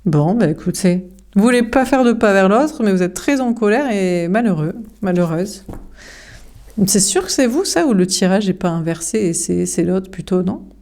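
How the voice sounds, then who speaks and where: A woman's voice: medium pitch, lively intonation, moderate pace, mellow. A young woman giving a casual tarot reading, frank and chatty, with many fillers. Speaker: tarot card reader.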